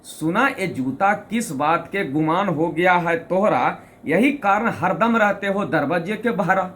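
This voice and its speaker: A man voicing a mocking sharp-tongued sock. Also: high voice, expressive, slow pace, heavily acted. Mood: mocking retort. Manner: retorting in rhyming verse, mocking. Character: sharp-tongued talking sock, male, retorting.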